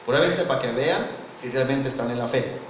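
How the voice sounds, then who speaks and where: This Mexican preacher speaks in a mid-range, fairly bright voice at a moderate pace, his accent Mexican Spanish. Earnest in tone, he repeatedly addresses the congregation as "brother" and asks rhetorical questions, captured by a faraway mic in an echo-heavy church hall with faint noise.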